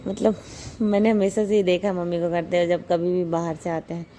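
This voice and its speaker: A woman's voice: lowish voice, level tone, a little fast, mellow, a little hiss or hum. A young woman chatting casually through a home vlog, rambling and repeating words as she talks. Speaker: vlogger.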